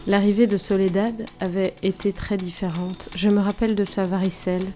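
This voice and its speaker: A woman reading a scripted first-person narration in a calm, reflective way. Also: mid-range voice, brisk, faint music behind. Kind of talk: scripted narration read from a comic.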